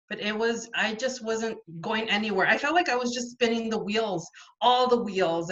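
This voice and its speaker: Bright and forceful at a medium pitch, this woman's voice comes through a video call with the highs cut off. As a guest in a casual interview, she rambles through her story with frequent restarts and fillers; French is not her native tongue.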